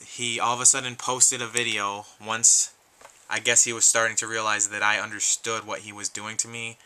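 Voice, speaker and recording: Man, earnest rambling vlog talk, slightly worn voice, bright and crisp tone. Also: on the low side, rough recording. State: losing his voice, coughing. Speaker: YouTube collector vlogger. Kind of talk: casual talk to camera.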